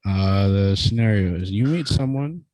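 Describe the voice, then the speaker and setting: Deep-voiced casual male podcast host. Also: lively intonation, normal speed, darkish tone, no echo, poor audio. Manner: loose, filler-heavy presenting.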